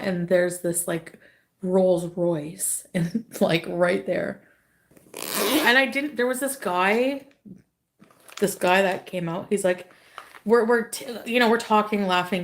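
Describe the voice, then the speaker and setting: A woman vlogger telling a story casually, rambling and swearing, with constant filler words. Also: fairly low pitch. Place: clip from her own video.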